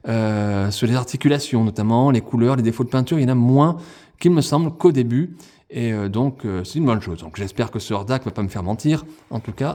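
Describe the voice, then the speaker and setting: A man chats through a toy unboxing and talks to viewers as friends. His voice is mellow and relaxed, at an ordinary pitch, and he keeps pausing on fillers as he looks over each piece. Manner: hesitant, many fillers, addresses viewers as friends. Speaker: toy reviewer. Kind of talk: unboxing review, casual chat.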